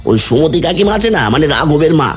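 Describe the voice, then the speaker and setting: A man's voice: a little high, lively intonation, fast talker, lightly acted. Man playing a smug scheming village husband. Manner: smug, teasing, bossy.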